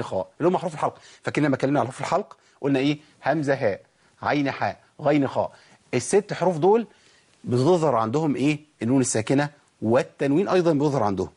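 A man's voice: medium pitch, breathy edge. A man with an Egyptian accent teaching Quran recitation rules, asking questions and answering them himself while drawing out sample sounds. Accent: Egyptian Arabic. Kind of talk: tajweed lesson.

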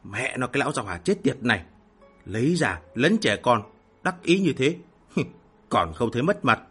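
A man's voice: medium pitch, fairly quick, a bit bright, husky, soft background music. A man voices a defiant young hero in a storybook audiobook. He mutters to himself in a gritted, stubborn way, close to the reader's own voice. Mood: angry. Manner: muttered inner cursing. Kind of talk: audiobook character voicing.

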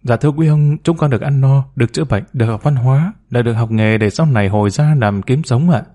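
Male reader doing a meek, hesitant woman around forty, pleading and deferential, mellow voice. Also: medium pitch, fast talker, close to an everyday voice. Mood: timid, pleading. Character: timid humble woman about forty, former bar girl.

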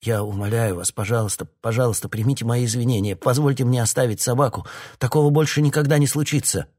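A man's voice: medium pitch, very animated, normal speed, slightly rough, voice pushed up. A man reading an audiobook, voicing a desperate male captain who pleads in a raised, urgent voice. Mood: pleading.

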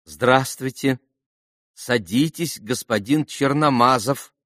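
A man's voice: medium pitch, slow pace, a bit bright, no room sound, clean studio sound, voice pushed up. A man voicing a crude, simple-minded middle-aged woman in an audiobook, speaking in a coarse, blunt, folksy way.

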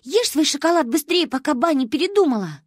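Woman putting on a shrill pushy little girl. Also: expressive, a little fast, dry recording, studio quality. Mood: excited, pleading. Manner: shrill, insistent, breathless. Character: excitable chattering little girl, bold and pushy.

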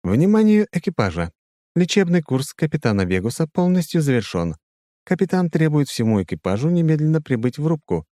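A man reading an audiobook, voicing the calm, even-voiced computer of a spaceship as it makes a formal announcement to the crew. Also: a little high, a little fast, no room sound, clean studio sound, voice pushed up. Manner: formal, level announcement delivery.

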